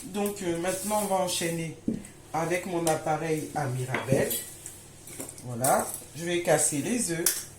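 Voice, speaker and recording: A woman with a fairly low, slightly slow voice hosts a casual home baking video from her kitchen, chatting with viewers as if they were friends and checking they can keep up. The room is echoey, with faint background noise.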